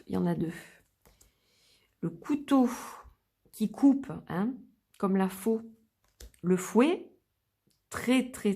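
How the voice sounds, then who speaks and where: Woman, unhurried, soft-spoken, admiring, presenting a card deck. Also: medium pitch. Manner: slow, gentle, admiring. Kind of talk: unboxing and review.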